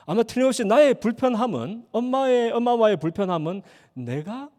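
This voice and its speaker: A man voicing a guilty, anxious young boy who broods in a low inner voice, in a reverberant church hall. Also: lively intonation, brisk, darkish tone. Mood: brooding.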